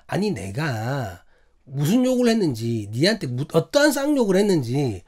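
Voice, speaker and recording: A man's voice: on the high side, moderate pace. A male pastor with a Gyeongsang accent, telling a personal story in a sermon, acting out quotes and asking the congregation questions. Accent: Gyeongsang Korean. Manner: animated, acts out quotes, asks the congregation questions.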